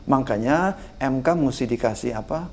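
A man's voice: medium pitch, normal speed, vocal fry, slight background noise. Emphatic older man. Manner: emphatic, animated, sprinkles "Pak" often. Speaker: guest political communication expert. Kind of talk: podcast interview.

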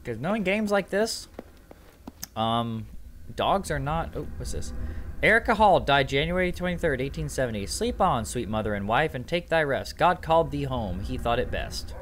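A man's voice: medium pitch, expressive, moderate pace, a bit bright, a little hiss or hum. A man streaming a horror game, swearing freely, reacting in disbelief and reading in-game text aloud. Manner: profane, incredulous reactions. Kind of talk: let's play commentary.

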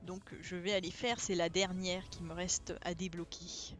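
A woman streamer reading a storybook aloud and chatting casually with viewers, relaxed and thinking aloud with many fillers. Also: on the low side, unhurried. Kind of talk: casual live-stream chat and read-aloud. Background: faint background music.

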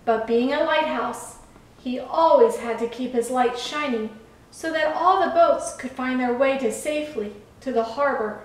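Woman slowly reading a children's story. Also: high voice. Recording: echoey room from far off.

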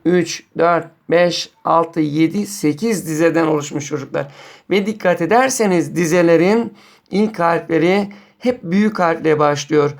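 A man teaching a primary school lesson on poetry, reading poems slowly and quizzing pupils by name. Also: fairly high pitch. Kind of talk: classroom lesson.

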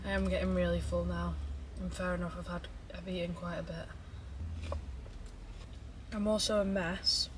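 A woman's voice: on the low side, flat delivery, moderate pace, long pauses, a little hiss or hum. Chatty woman eating while talking. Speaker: vlogger. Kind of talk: chatty mukbang vlog.

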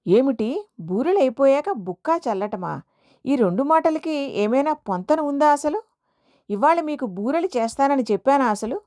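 A woman's voice: high-pitched, a little mellow, no room sound, clean studio sound. A woman voicing an irritated young wife who fires off exasperated questions in an audio story. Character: irritated young wife, quick and sharp-tongued.

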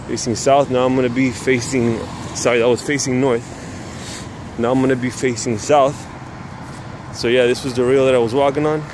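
A man vlogs while walking city streets at sunset, exploring old rail sites and rambling with frequent restarts. His mid-range voice holds a level tone at a moderate pace. The handheld camera mic picks up street traffic outdoors.

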